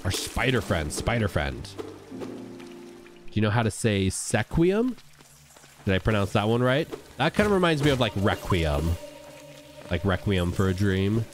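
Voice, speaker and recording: A man's voice: moderate pace, pauses often, over music. A man streaming a video game, chatting casually and rambling while he greets and answers his viewers. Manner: animated, jumps into high excited outbursts. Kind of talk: casual live-stream gameplay chat.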